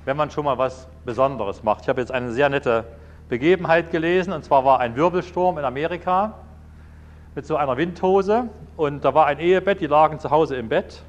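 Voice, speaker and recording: A man's voice: fairly high pitch, a little fast, lo-fi sound. A man giving a sermon, telling anecdotes and acting out little dialogues in changing voices. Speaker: preacher.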